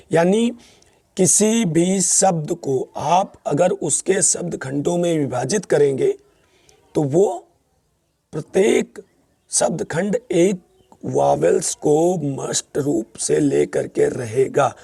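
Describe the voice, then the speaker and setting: A man's voice: a little high, gravelly, warm tone, breathy edge, no room sound. A man teaching English grammar in Hindi, mixing in English terms and asking and answering his own questions as he explains.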